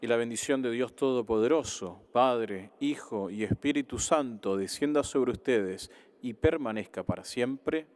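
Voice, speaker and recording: A man presiding as a priest, reciting prayers and blessings solemnly in measured, formal short phrases. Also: medium pitch, a little mellow.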